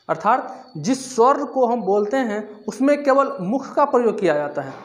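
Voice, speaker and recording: High-voiced man teaching a grammar lesson. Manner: repetitive, asks and answers own questions. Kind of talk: classroom-style lesson explaining grammar.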